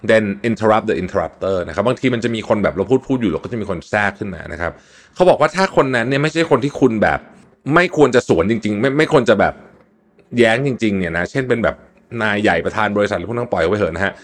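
A man's voice: on the low side, lively intonation, quick pace. A man hosting a solo podcast, explaining tips in a chatty, casual way with frequent polite particles and repeated words. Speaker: podcast host.

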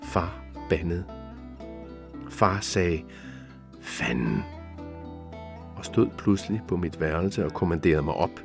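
Deep-voiced man reading literature aloud. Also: fairly even intonation, over music. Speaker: reader.

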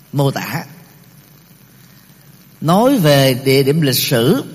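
Slow, measured middle-aged male lecturer. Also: medium pitch. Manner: measured, explaining terms one by one, with many pauses and fillers. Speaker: Buddhist lecturer. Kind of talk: explanatory Dharma talk. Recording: long reverb of a large hall.

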